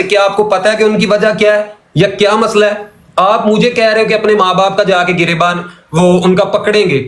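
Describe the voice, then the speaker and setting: On a heated call-in religious debate, a high-pitched man with a fairly bright tone argues his complaints point by point, numbering them and circling back to repeat them. His voice rings in a noticeably echoey room.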